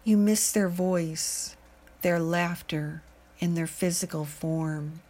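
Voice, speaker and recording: A woman guiding a meditation, speaking in a calm, soothing way with long pauses. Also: lowish voice, slight background noise. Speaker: meditation guide. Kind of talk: guided meditation narration.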